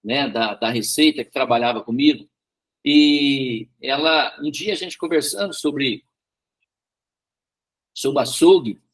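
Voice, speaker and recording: A man's voice: mid-range voice, slow pace, pauses often. A man teaching a Bible study and telling a personal story, often repeating words and tagging his sentences with questions.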